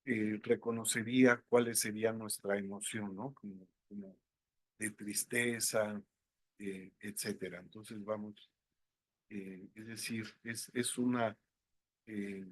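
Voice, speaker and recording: Slow, hesitant lecturer. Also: male voice, fairly low pitch, level tone. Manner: unhurried, thinking aloud with many fillers. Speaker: instructor. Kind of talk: online lecture.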